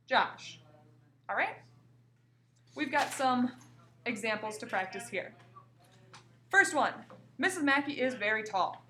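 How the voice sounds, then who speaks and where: Bright-voiced woman teaching a grade school class. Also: a little high. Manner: slow, clear explaining with examples read aloud. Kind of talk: recorded class lesson.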